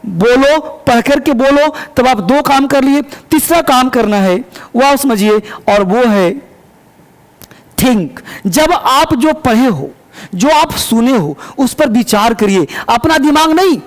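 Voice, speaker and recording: A man's voice: extremely high pitch, animated, slow pace, big-room sound. A man teaching a spoken-English lesson with emphasis, repeating key words and asking and answering his own questions.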